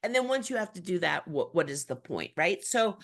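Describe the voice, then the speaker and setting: A woman's voice: lowish voice, big pitch swings, fairly quick, a bit bright. Chatty, rambling woman podcast host. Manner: rambling and chatty, with laughs and frequent restarts. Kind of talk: casual chat.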